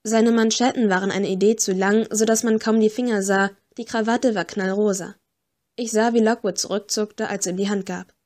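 A woman's voice: mid-range voice, fairly even intonation, moderate pace, a little mellow. A woman giving scripted first-person audiobook narration in a dry, wry storytelling manner.

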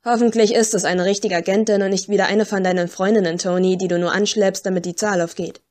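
A woman's voice: mid-range voice, steady tone, fast talker, darkish tone, close to an everyday voice. A snide young rival agent, read by a woman in an audiobook makes sneering remarks. The voice stays close to the narrator's own, with only a slight edge.

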